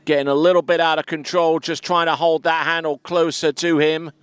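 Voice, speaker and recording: A man giving live water ski commentary in a measured way, with frequent fillers. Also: fairly high pitch, flat delivery, fairly bright tone, clear, resonant tone, no echo.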